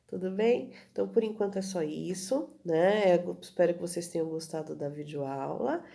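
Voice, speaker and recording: With a warm, gravelly, fairly low voice at a normal speed, a woman teaches a recorded video lesson at an easy pace. She keeps checking in with her students using "tudo bem?", and her explanations come with many fillers and restarts.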